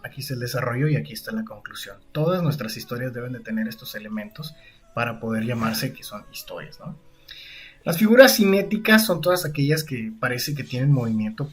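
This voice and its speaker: Husky-voiced man explaining comics. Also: medium pitch. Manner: addresses the listener directly, frequent tag questions. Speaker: teacher.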